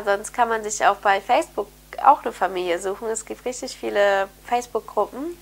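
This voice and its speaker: Here a young adult woman with a cold speaks in a nasal, slightly hoarse, mid-range voice, clearing her throat now and then. An au pair who vlogs, she chats cheerfully to camera in a bright bedroom, using lots of fillers, captured by a camera mic at close framing.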